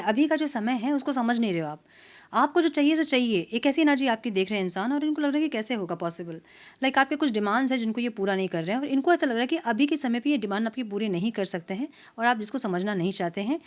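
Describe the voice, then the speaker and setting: A tarot reader with a mid-range voice delivers a casual, chatty tarot reading monologue. She mixes English words into her Hindi and often says "so" and "theek hai."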